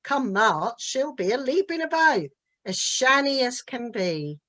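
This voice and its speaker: A woman with a Norfolk accent reciting her own dialect poem in a measured lilt. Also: a little high, lively intonation, a bit bright. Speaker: dialect poet. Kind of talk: poetry recitation.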